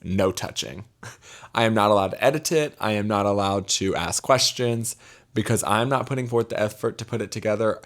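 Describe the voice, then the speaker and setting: A man's voice: fairly low pitch, brisk, a bit bright. A young man with a Mississippi accent telling travel stories in a casual, chatty vlog style, with gossipy, emphatic asides to the viewer. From Mississippi, United States. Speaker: travel vlogger.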